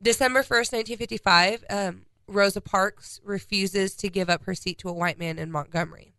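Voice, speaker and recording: A woman's voice: medium pitch, steady tone, moderate pace, pushed and bright, dry recording. A congested woman co-hosting a casual podcast, reading out a timeline of historical dates. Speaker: podcast co-host.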